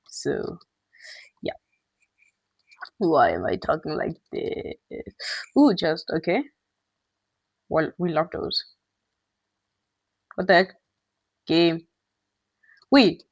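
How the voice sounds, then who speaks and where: A male gaming channel host giving excitable, slangy live gameplay commentary with quick outbursts. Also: high voice, dry recording.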